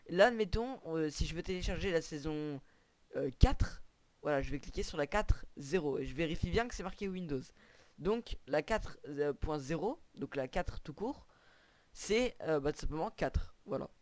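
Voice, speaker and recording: A young tutorial creator with a high voice guides viewers through setting up a computer for a screen-recorded gaming video. His delivery is relaxed but unsure, packed with fillers, and the recording has no echo.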